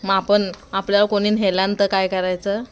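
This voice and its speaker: A woman's voice: mid-range voice, little pitch movement, normal speed, a little hiss or hum. A young mother chatting casually at home with her little daughter, patient and playful, coaxing her along. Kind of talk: casual home chat with a small child.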